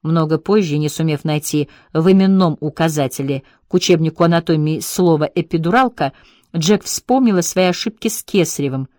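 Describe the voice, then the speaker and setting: A woman calmly narrating an audiobook in an even storytelling manner. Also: low voice, a little fast, dry recording, clean studio sound. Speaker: audiobook reader. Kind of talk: scripted narration.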